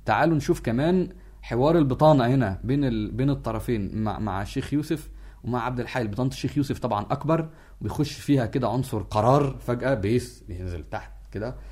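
A man's voice: medium pitch, quick pace, a little mellow, husky. A man with an Egyptian accent giving an explanatory lecture, walking listeners through musical details. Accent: Egyptian Arabic.

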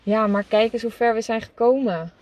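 A woman voicing a gentle, wise old horse in a storybook, speaking softly and reassuringly. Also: on the high side, moderate pace, highs cut off, close to an everyday voice.

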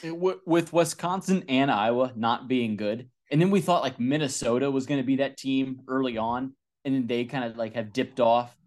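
Animated man talking college football. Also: mid-range voice, moderate pace, few pauses. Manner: animated, many fillers and restarts. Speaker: podcast co-host. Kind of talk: casual sports talk.

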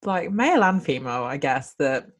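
Low-voiced, giggly woman in her late twenties. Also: big pitch swings, normal speed. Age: late 20s. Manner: enthusiastic, rambling, giggly. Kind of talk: casual chat.

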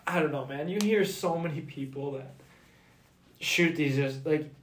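A man's voice: a little high, moderate pace, echoey room, slight background noise. A man working as a hunting guide, telling loose, profane stories with lots of laughter in casual podcast chat.

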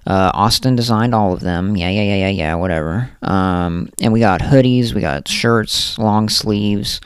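A man's voice: fairly low pitch, measured pace, clean tone, no echo. A man co-hosting a podcast, talking loosely with lots of fillers and swearing, reading out a sponsor plug and a story. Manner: loose, filler-heavy and profane. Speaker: podcast co-host.

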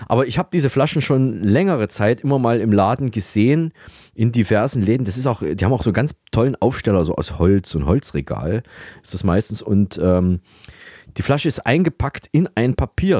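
A man hosting a comedy podcast, rambling and hesitant with many fillers, in a deadpan tone. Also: on the low side, brisk, breathy edge, no room sound, clean studio sound. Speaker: podcast host.

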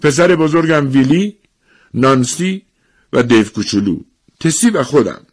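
A man playing a resigned village husband and father who speaks sadly in a husky voice. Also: medium pitch, animated, pitched above the performer's own voice. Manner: sad, resigned.

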